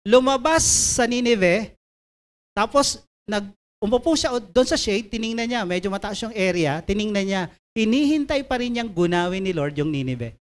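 Emphatic woman preaching a sermon. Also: a little high. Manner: emphatic, reads scripture slowly, asks listeners to repeat phrases to their neighbor.

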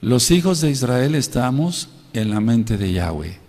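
A man preaching a sermon as pastor, shifting between loud outbursts and quiet storytelling. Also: medium pitch, sing-song, unhurried, big-room sound. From Mexico.

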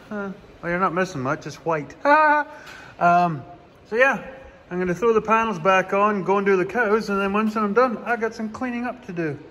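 His voice is high-pitched and fairly bright, trailed by long reverb with a bit of hiss or hum, as a farmer fixes things himself in his farm workshop. He narrates the how-to vlog casually and plainly, with a dry, sarcastic sense of humor.

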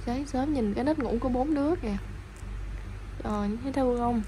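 A woman's voice: high voice, a little fast, mellow, slight background noise. A woman, chatting casually at home to viewers and fussing over her puppies in a doting voice. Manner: doting, chatty, talks baby talk to puppies. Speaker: pet vlogger. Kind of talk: casual vlog narration.

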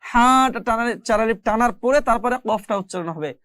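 A Quran recitation teacher explaining rules step by step and chanting long, drawn-out Arabic syllables as examples. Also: medium pitch, a bit bright, no echo.

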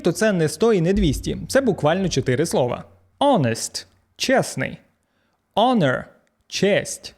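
A man with a Ukrainian accent teaching English pronunciation, slowing down to model each word and giving its translation. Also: a little high. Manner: lively, slows down to model English words. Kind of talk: pronunciation lesson.

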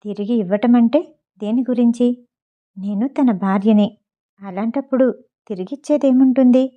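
A woman's voice: on the high side, moderate pace, phone-quality sound, lightly acted. A woman voicing a jealous, scheming young wife who sounds bitter and commanding.

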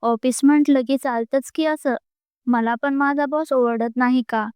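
Woman doing teasing older brother, high and clear. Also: steady tone, a little slow, a little mellow, no room sound, clean studio sound.

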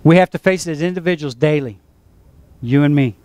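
A man's voice: on the high side, a little fast, a little mellow, no room sound. A man preaching a sermon to his church, leading call-and-response and repeating phrases for emphasis. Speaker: pastor.

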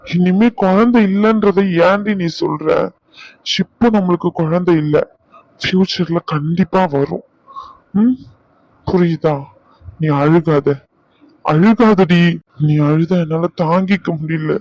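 A man's voice: high voice, a little slow, a little mellow, no echo. A man, pleading and comforting his wife in a couple vlog, repeating himself. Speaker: husband, vlogger. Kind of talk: emotional couple vlog talk. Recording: dull lo-fi recording.

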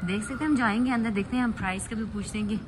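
A woman's voice: on the high side, very fast. Chatty young woman vlogging on a phone. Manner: chatty, walking and talking to a handheld camera. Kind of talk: casual vlog narration. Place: outdoors on city streets, then indoors in a shopping mall. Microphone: phone at arm's length. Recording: loud city street noise.

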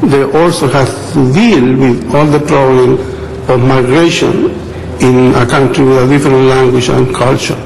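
A man representing a clinic speaks to a city council in careful, slow, English. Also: medium pitch, fairly even intonation, gravelly, darkish tone. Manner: slow, careful non-native English phrasing. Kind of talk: formal public statement. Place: council chamber. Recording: echoey council chamber, long reverb, faint noise.

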